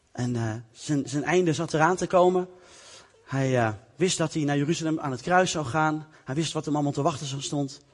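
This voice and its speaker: A man preaching a sermon, telling a Bible story in a lively way and acting out its people. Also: on the high side. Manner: lively storytelling, acts out the characters. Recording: long reverb of a hall.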